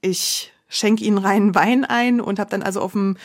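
A German woman from Berlin in her forties speaks candidly and reflectively in a personal interview, frequently restarting her sentences. Her mid-range voice has fairly even intonation at a normal speed.

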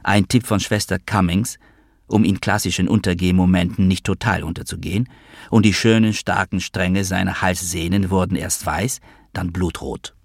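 Gravelly low-voiced male audiobook narrator. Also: steady tone, moderate pace, dry recording, studio quality. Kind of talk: audiobook reading of a novel.

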